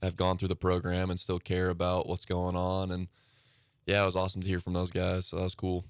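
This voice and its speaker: Deep, flat-voiced teenage ballplayer. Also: male voice, fairly quick, smooth, no echo, studio quality. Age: late teens. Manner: short, low-key answers. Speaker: high school baseball player. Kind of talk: casual interview answers. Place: radio studio.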